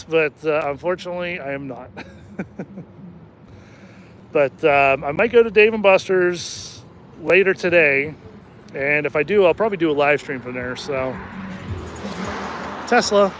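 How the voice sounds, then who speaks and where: A man hosting a casual livestream outdoors at night, jokey and rambling, his throat slightly hoarse from talking. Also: fairly high pitch, expressive, measured pace, pauses often, fairly bright tone, a little hiss or hum. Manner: rambling and jokey, laughs often. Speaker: channel host and rideshare driver.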